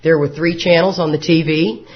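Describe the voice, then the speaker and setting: A man's voice: a little high, fairly even intonation, normal speed. A man, telling his life story to a recovery group in a folksy, joking way. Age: 50s. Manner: folksy, joking storyteller who often laughs. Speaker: recovery meeting speaker. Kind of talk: personal recovery talk to a live group. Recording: dull lo-fi meeting recording.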